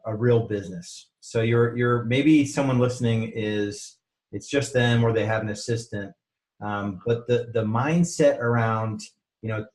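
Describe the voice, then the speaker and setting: A man hosting a podcast interview, asking meandering questions full of fillers and restarts. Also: mid-range voice. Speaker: podcast host. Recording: roomy echo on the voice.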